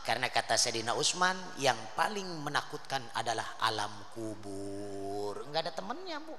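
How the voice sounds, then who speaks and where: A man preaching a humorous sermon, telling stories with lively jokes. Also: a little high. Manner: animated joking storyteller. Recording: reverberant hall, faint noise.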